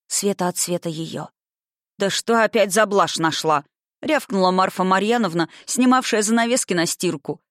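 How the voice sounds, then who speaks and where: An audiobook narrator reading a historical romance aloud in a smooth, measured storytelling manner. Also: mid-range voice, no echo, clean studio sound. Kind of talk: scripted narration.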